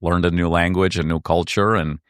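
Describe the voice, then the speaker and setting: A man's voice: low voice, steady tone, normal speed, clean tone, dry recording, clean studio sound. A man from Argentina whose first language is Spanish, telling his story in an earnest, reflective interview. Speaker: entrepreneur guest. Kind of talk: conversational interview.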